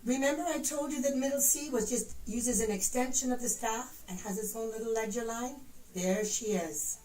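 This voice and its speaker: A woman's slightly high, warm voice at normal speed guides a piano lesson, patiently encouraging as she demonstrates and counts notes. The setting is indoors at a piano, captured on a distant mic with room echo and faint piano.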